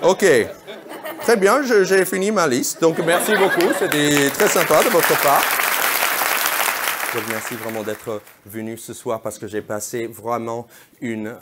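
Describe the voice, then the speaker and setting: A man's voice: a little high, expressive, a little slow, over a noisy crowd, heavy background noise. A man performing stand-up on a theatre stage, quizzing the audience in a playful, mock-bewildered way while they laugh. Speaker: stand-up comedian. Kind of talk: stand-up crowd work.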